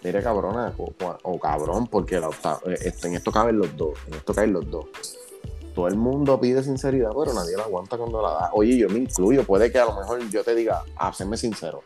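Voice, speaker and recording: A man's voice: fairly low pitch, brisk, warm tone, soft background music. A man co-hosting a casual chat, joking and teasing with some cursing. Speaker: podcast co-host.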